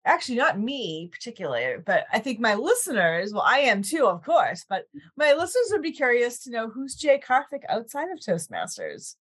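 A woman's voice: on the high side, huge pitch swings, normal speed, a bit bright, slightly rough. A woman hosting a casual, chatty interview show in an effusive, enthusiastic way. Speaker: podcast host interviewer.

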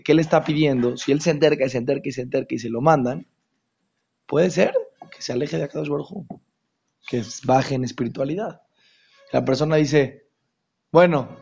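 A husky-voiced man delivers a religious lesson to listeners. He drives points home by repeating phrases, then slips into quiet asides. The recording sounds dull and lo-fi. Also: mid-range voice. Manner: emphatic, repeats key phrases, drops into hushed asides. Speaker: Torah teacher. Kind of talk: religious talk to an audience.

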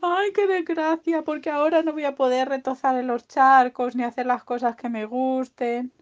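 A woman's voice: high-pitched, steady tone, a little fast, a little mellow, pitched above the performer's own voice, close to an everyday voice. A woman putting on a whiny little pig-dinosaur boy. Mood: whining. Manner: wailing, sighing "ay" complaints. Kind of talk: bedtime storytelling. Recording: dull lo-fi recording.

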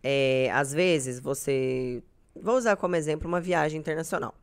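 This young woman from Brazil is a podcast guest, chatting casually and sharing stories at her own expense. Her low voice has a clean tone and a moderate pace.

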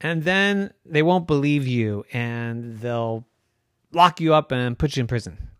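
A man voicing a worried, fussy father unicorn who talks high and sounds alarmed and doubtful. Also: measured pace, a bit bright, smooth, dry recording, studio quality, lightly acted. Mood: fretful.

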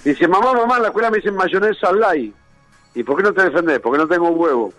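A man's voice: a little high, expressive, fast talker, fairly bright tone, faint music behind, rough recording. A man with a Rioplatense Spanish accent telling one joke after another on a radio show, laughing at his own punchlines. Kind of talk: rapid-fire joke telling.

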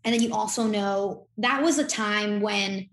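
A woman's voice: medium pitch, a little slow, roomy sound. A young woman from Miami, chatting as an interview guest in a rambling way with lots of fillers. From Miami, Florida. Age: young adult. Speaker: guest, incoming podcast host. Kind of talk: casual interview chat.

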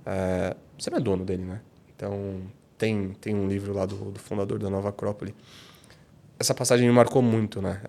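A man's voice: on the low side, vocal fry, a little mellow. A Brazilian man guesting on a podcast, earnestly telling stories about being a father and often ending phrases with a questioning tag. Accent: Brazilian Portuguese. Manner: earnest storytelling, frequent "né?" tags. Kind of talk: casual conversation.

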